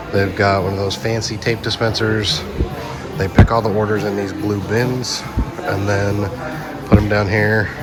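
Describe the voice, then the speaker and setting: A man casually presenting an upbeat, informal walking tour vlog as the host, inside a warehouse. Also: on the low side. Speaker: host of a video channel. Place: warehouse facility, indoors. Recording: music bed over the voice. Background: loud background music.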